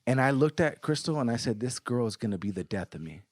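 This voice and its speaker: A man in his thirties co-hosts a podcast in casual chat, his mid-range voice animated and fast as he talks bluntly and earnestly, swearing often. The studio-quality recording has no room sound.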